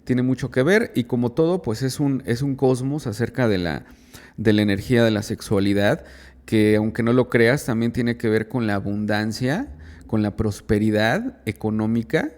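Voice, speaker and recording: A man gives an informal talk as a psychologist, at a mid-range pitch. He keeps restarting phrases and stressing his point with rising rhetorical questions, checking in with his listeners as he goes. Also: lively intonation, normal speed, a little mellow. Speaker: psychologist giving a radio talk. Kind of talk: informal lecture to a recovery group.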